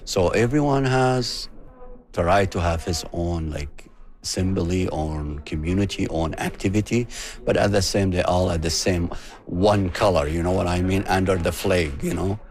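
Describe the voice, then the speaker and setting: Interviewee: middle-aged man from Syria, very low voice, halting delivery. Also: darkish tone. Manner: halting, searching for words. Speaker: interviewee, mosque member. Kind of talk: casual interview answers.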